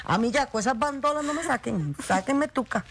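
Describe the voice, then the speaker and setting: A woman, a theater actress telling personal stories as an interview guest, animated and acting out dialogue. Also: high voice, brisk, a crowd in the background. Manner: animated storyteller, acts out dialogue, frequent "¿verdad?".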